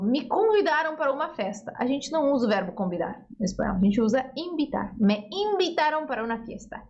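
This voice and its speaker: High-voiced woman teaching beginner grammar. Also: dull audio. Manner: explanatory, checks in often with short tags; reads example phrases slowly and carefully. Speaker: Spanish teacher.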